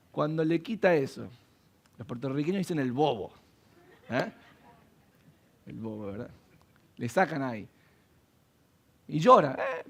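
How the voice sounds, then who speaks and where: A man preaching from the pulpit, his voice gravelly with a lot of fry and sitting somewhat high for a man. He keeps putting rhetorical questions to his listeners. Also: a bit bright. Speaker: pastor. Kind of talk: sermon. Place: church.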